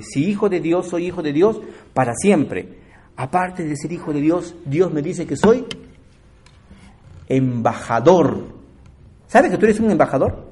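A man preaching a sermon in a fairly high voice. He swings from loud, emphatic lines to low, quiet asides. He keeps turning to his listeners with direct questions.

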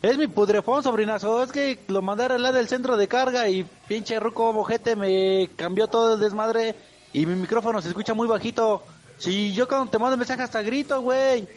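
A Mexican man calls in with a high-pitched voice. He talks casually, full of slang and swearing. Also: fairly quick. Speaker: caller. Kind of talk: slangy, profane casual chat.

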